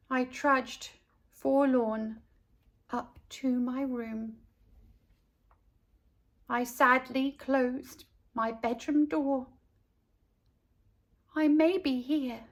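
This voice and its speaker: A woman voices a cheeky, self-assured three-year-old girl narrating a rhyming storybook in an innocent sing-song. Her voice sits high, and the mood is forlorn.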